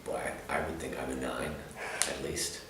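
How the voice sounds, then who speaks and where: A man in his forties, a school principal, answering interview questions in an earnest, soft-spoken way. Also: rumbling low, fairly even intonation, moderate pace. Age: 40s. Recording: very echoey room, distant mic, faint hiss.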